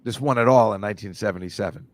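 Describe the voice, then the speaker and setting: Talking fast in a lowish voice, this man, a comedian and film teacher, rambles through casual podcast conversation. He keeps slipping into movie impressions along the way.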